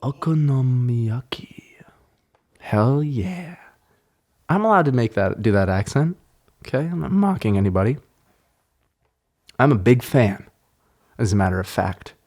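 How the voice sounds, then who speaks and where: A man hosts his podcast solo, talking loosely and cheerfully with plenty of swearing. His voice sits at an ordinary middle pitch. He speaks indoors into a podcast microphone. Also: expressive, moderate pace, pauses often, darkish tone. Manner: rambling, profane, upbeat. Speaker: podcast host. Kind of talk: casual solo podcast chat. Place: indoor room.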